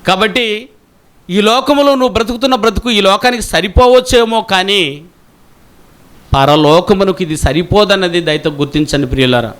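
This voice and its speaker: A man's voice: high voice, normal speed, fairly bright tone. A middle-aged male pastor with a Telugu accent, preaching a sermon that is full of emphatic rhetorical questions to the congregation.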